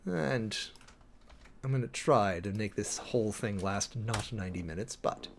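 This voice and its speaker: An American streamer and preacher-style host reads official documents aloud dramatically, commenting on them closely with emphatic, deliberate, theatrical phrasing. His voice is on the low side with vocal fry, and a little hiss or hum is audible.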